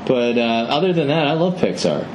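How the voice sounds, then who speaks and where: A man talking casually about films in a low-key, conversational way as co-host of a review show. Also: very animated, moderate pace, background noise. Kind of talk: casual movie discussion.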